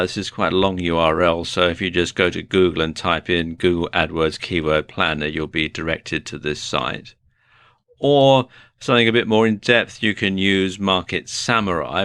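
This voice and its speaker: A man gives a scripted tutorial narration. His voice is a little low and bright, with a forceful edge. The recording is dry and close, with no room sound. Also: no echo. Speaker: online course narrator.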